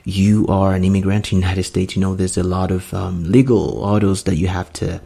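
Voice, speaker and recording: A man's voice: low-pitched, level tone, fairly quick, vocal fry, mellow, slightly rough. A man, hosting a solo podcast in an earnest, rambling way with many fillers. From Nigeria. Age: 20s. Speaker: podcast host.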